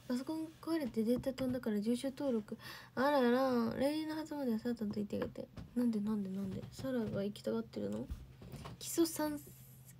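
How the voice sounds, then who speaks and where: A woman's voice: fairly high pitch, creaky, mellow, a little hiss or hum. A young woman hosting a casual livestream, chatting and answering viewer comments. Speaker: idol livestream host.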